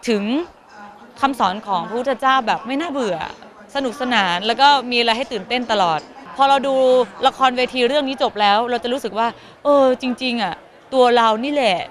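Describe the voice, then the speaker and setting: A woman's voice: on the high side, fairly bright tone. Enthusiastic woman recommending a show. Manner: enthusiastic, persuasive. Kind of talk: casual recommendation.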